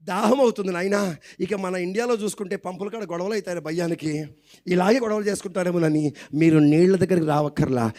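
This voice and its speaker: A male pastor with a Telugu accent preaches in a strikingly high voice. He moves from quiet, conversational asides to loud, shouted exclamations. He keeps pressing the church congregation to respond loudly. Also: fairly quick. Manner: swings between quiet talk and shouted exclamations. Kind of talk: sermon.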